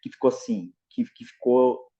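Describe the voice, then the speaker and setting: A man's voice: medium pitch, moderate pace, warm tone, lo-fi sound. A Brazilian man with a Brazilian Portuguese accent, a guest in a casual interview, explaining at length with many restarts and fillers.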